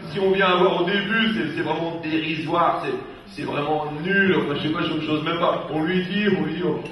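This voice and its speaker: Man lecturing in an echoey hall. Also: on the high side. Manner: lively storyteller, acts out quoted people. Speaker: rabbi giving a talk. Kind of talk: humorous talk to a dinner audience. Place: dinner hall with an audience. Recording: echoey hall, distant mic, faint noise.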